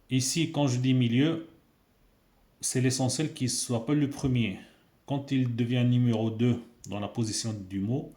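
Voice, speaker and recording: A man's voice: medium pitch, darkish tone. A man teaching a casual video lesson, patiently repeating sounds for learners. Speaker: Arabic teacher. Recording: echoey room.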